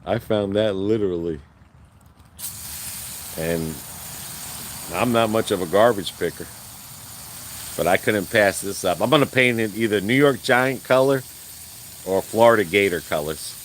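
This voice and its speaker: A man's voice: on the low side, unhurried, pauses often, a little hiss or hum, low-quality recording. A man chatting casually and rambling while he shows his garden outdoors on a live stream. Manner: rambling, chatty, laughs often, folksy. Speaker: vlogger.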